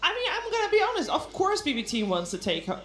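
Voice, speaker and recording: A woman's voice: very high voice, wildly swooping pitch, fast talker, fairly bright tone, reverberant. A woman from the Netherlands, hosting an esports broadcast panel in an upbeat, steering way. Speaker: panel host.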